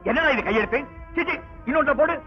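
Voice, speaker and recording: A man's voice: high-pitched, expressive, normal speed, muffled recording, music in the background. An actor playing a bossy man who scolds and orders another to sign, in an old film soundtrack. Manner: commanding, scolding.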